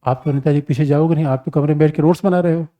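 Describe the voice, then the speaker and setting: Talking very fast in a slightly high voice that is still warm and mellow, a male teacher runs an animated exam-prep class. He addresses the students as "my children," poses rhetorical questions, and sounds more like a familiar elder chatting than a formal lecturer.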